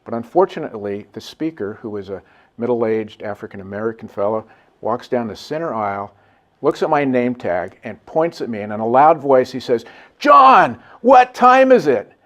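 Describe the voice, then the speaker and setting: A man's voice: mid-range voice, expressive, moderate pace, darkish tone. A man, a guest, telling an earnest and reflective story in casual talk.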